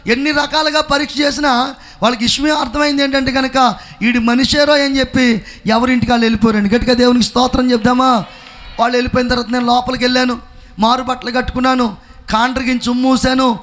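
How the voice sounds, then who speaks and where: Telugu preacher guy, really high voice, fired up testimony, acts out the back and forth. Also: little pitch movement, fast, fairly bright tone. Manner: fervent, calls out hallelujah and praise, acts out dialogue. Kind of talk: testimony sermon.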